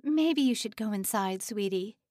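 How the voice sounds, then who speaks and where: A woman's voice: medium pitch, expressive, unhurried, mellow, no echo, studio quality, natural voice. A woman voicing a fussy, doting middle-aged mother figure in a storybook reading. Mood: worried. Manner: doting and insistent.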